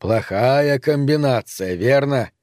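Slow, lecturing ancient creature from the void, read by a male narrator; dark tone, dry sound. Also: medium pitch, no echo, natural voice. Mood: menacing, lecturing. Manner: slow and deliberate. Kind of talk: audiobook character voice.

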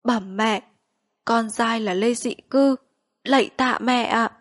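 A woman's voice: on the high side, steady tone, measured pace, close to an everyday voice. A woman voicing a middle-aged district mandarin, a grieving son who speaks formally and respectfully to his dying mother.

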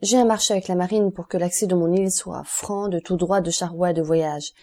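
Woman reading a grave mysterious count, calm and low, audiobook, dark mellow tone. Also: a little fast. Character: grave melancholy middle-aged male count, calm and mysterious.

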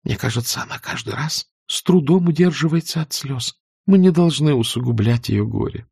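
A male narrator voicing a kind, gentle young woman in a soft, consoling voice for an audiobook. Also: on the high side, expressive, moderate pace, dry recording, studio quality, pitched above the performer's own voice. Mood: hushed.

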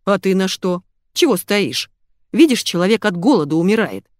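A woman's voice: medium pitch, lively intonation, normal speed, dry recording, clean studio sound, natural voice. A woman voicing a brash young man who gives orders brusquely. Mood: impatient. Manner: brusque, commanding.

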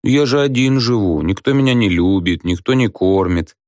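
A man's voice: on the low side, lively intonation, normal speed, a little mellow, no room sound, voice pushed up, close to an everyday voice. Male reader doing a fawning, work-shy young man, sing-song audiobook voice. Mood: wheedling. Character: cheeky idle young man, wheedling.

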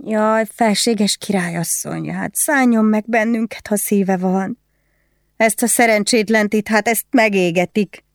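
A woman reader voicing a coarse fiddler's wife locked in a cell, begging and screeching curses in a raised, shrill voice. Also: dry recording, clean studio sound, lightly acted. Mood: pleading. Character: wailing, coarse fiddler's wife, shrieking prisoner. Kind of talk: audiobook character voice.

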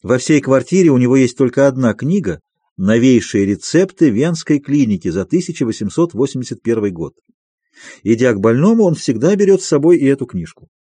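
Male audiobook narrator, husky tone, animated intonation. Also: medium pitch, no room sound. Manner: expressive, measured reading. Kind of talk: scripted literary narration.

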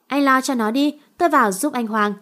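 A feisty tomboy heroine of a spoken novel, quick and a little flustered, as a woman narrator voices her. Her voice sits fairly high and moves fast. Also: fairly bright tone. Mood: urgent. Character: spirited young woman, brash fighter, soft-hearted.

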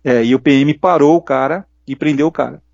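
Interview guest: middle-aged Brazilian man, quick earnest storyteller, slightly high voice, dull dry lo-fi sound. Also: gravelly, darkish tone, no echo. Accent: Brazilian Portuguese. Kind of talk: casual interview testimony.

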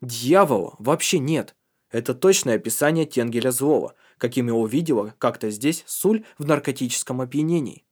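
A man voicing a calm, earnest young man. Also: mid-range voice, normal speed, natural voice. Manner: calm, serious, persuasive.

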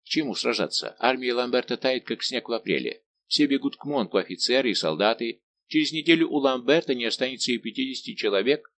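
A man's voice: mid-range voice, lively intonation, quick pace, fairly bright tone. A man voicing a talkative common sailor with a brash, raised voice. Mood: boastful.

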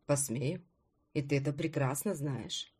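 A woman reading an audiobook voices a cold, dismissive husband in a lowered voice. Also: unhurried, a little mellow, slightly rough. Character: cold, smug husband, adult man.

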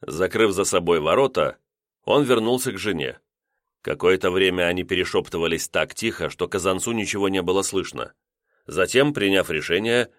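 A man narrating a novel as an audiobook, in expressive storytelling tones on a close mic. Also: sits low, no echo. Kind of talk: scripted narration.

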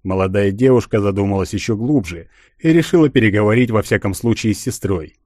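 A man reading a literary audiobook in a measured, even way. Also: lowish voice, no room sound, studio quality. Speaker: audiobook narrator.

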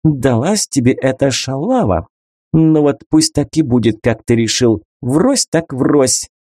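A man's voice: medium pitch, animated, measured pace, warm tone, no echo, studio quality, pitched above the performer's own voice. A man voicing a sly, mocking young woman. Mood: scornful. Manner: mocking, cold, bargaining.

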